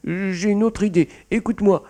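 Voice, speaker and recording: A man's voice: high voice, steady tone, normal speed, warm tone, voice pushed up, natural voice. A man voicing a huge tomcat in a storybook, now quavering and begging. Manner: quavering, pleading. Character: big menacing tomcat turned cowardly.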